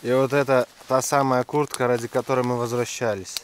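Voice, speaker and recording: A man chats wryly as he drives and walks through a rainy forest. His voice sits at an ordinary middle pitch. Car hum and outdoor noise run clearly behind him. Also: level tone, brisk. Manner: chatty, wry remarks while driving and walking. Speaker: travel vlogger. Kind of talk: casual travel vlog commentary. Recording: noisy outdoor and car recording.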